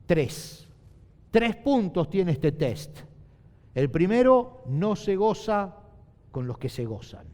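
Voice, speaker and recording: A middle-aged male pastor preaching a sermon, emphatic, repeating key phrases and slowing down to stress them. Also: high-pitched, very animated, darkish tone. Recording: long hall reverb.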